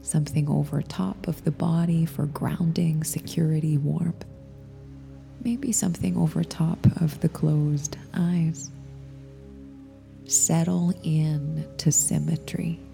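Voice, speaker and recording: A woman guides meditation in a soft, breathy spa whisper that is very mellow and low. She speaks extremely slowly and soothingly, as a gentle instructor. Her voice trails into long reverb over faint music. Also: fairly even intonation.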